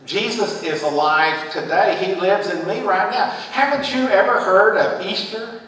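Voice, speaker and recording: A middle-aged man, a pastor, telling a story in a sermon with animated gestures in a large church sanctuary. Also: high-pitched, a little slow. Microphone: distant room mic. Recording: echoey sanctuary from far off.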